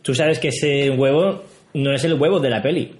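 A man's voice: medium pitch, moderate pace. A man in his thirties from Spain, co-hosting a casual film podcast, joking and rambling as he talks. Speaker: podcast co-host. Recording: echoey room.

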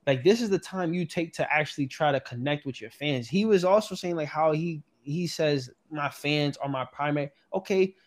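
A man co-hosting a podcast, talking emphatically in animated, slang-heavy bursts. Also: a little high, normal speed, hardly any pauses. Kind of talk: casual chat.

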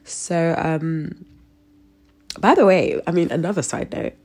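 Speaking slowly in a low, darkish voice, a woman whose nose is stuffed up from a cold delivers a devotional talk with a spoken prayer. Her manner is conversational, peppered with fillers and frequent restarts.

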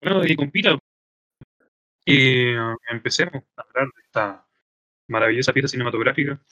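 A man's voice: mid-range voice, moderate pace, bright, forceful tone, no echo. A man with a Chilean accent hosting a casual film podcast, chatty and often trailing off in hesitations. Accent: Chilean Spanish. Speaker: podcast host. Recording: slightly dull, dry sound.

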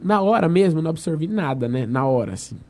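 A man tells a personal faith story in a relaxed conversation. His voice sits a bit high but sounds soft and mellow. He speaks earnestly, slips into the voices of the people in his story and restarts his sentences often. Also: quick pace. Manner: earnest storyteller, reenacts dialogue, frequent restarts. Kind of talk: casual faith testimony in conversation.

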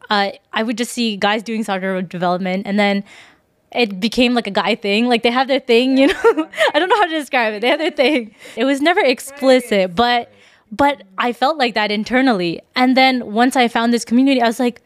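A woman's voice: fairly high pitch, fairly quick, dry recording. A woman in her twenties, a podcast guest, chatting casually with frequent laughs and acted-out quotes. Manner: animated, laughs often, acts out quoted voices. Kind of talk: casual interview chat.

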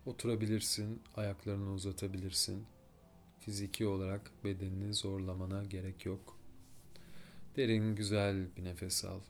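A man leading a guided full-moon meditation, giving slow, soft-spoken breathing and relaxation instructions with long pauses. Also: low-pitched, flat delivery, a little hiss or hum.

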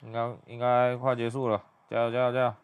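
A young man giving hushed, muttered play-by-play commentary as he reacts to a video. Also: mid-range voice, completely flat delivery, brisk, clear, resonant tone.

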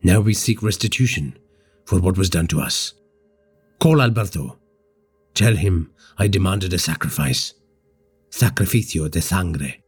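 A man voicing a low, menacing cartel boss. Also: expressive, soft background music. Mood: vengeful. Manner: slow, low, measured threats. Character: menacing male cartel boss, patient and vengeful.

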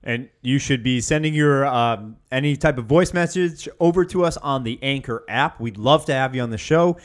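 A man's voice: mid-range voice, moderate pace. Plain-voiced man reading show announcements. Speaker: podcast co-host. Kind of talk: casual chat.

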